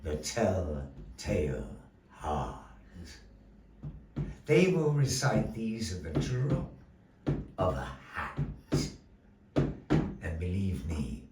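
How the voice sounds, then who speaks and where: In a roomy, distant recording with faint background noise, a man with a very deep, sing-song voice hosts a puppet show in a gallery as master of ceremonies. He speaks very slowly and pauses often, compering with over-the-top, mock-dramatic stage showmanship.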